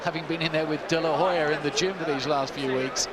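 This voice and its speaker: A man's voice: on the high side, steady tone, a little fast. A man giving live play-by-play boxing commentary from ringside. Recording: loud crowd and noise behind commentary.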